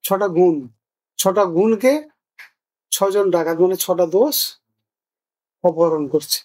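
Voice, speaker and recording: Male spiritual teacher with a notably high voice, patient and explanatory, teaching in a discussion. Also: slow pace, darkish tone. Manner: explains patiently, asks rhetorical questions. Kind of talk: spiritual discourse.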